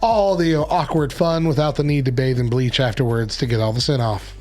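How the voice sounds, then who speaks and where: A man with a gravelly, hoarse whiskey voice, recovering from bronchitis, chatting casually as the host of a morning radio show. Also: mid-range voice, fairly even intonation, fairly quick, a little mellow.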